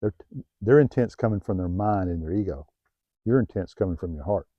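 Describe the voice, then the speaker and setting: A middle-aged man with a Southern US accent gives heartfelt self-help advice, often restarting his phrases and growing quieter when he gets personal. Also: low-pitched, fairly quick, dry recording, lo-fi sound. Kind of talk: earnest motivational talk to camera. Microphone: new home-video mic, dull sound.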